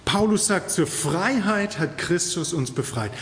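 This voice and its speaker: A man's voice: sits high, animated, a little slow, a bit bright. Emphatic male preacher in a reverberant hall. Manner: earnest, emphatic preaching with rising and falling stress. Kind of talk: sermon.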